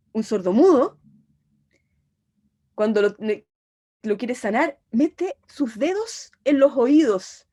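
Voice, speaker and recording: A woman's voice: high voice, mellow. A woman teaching a pastoral Bible course, retelling gospel scenes with dramatic storytelling.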